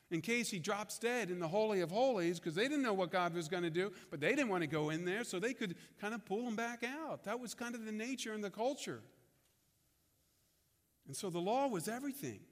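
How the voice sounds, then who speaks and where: A man's voice: sits high, in a large hall. A man preaching a sermon as a pastor, in a conversational way, often repeating words as he restarts his sentences.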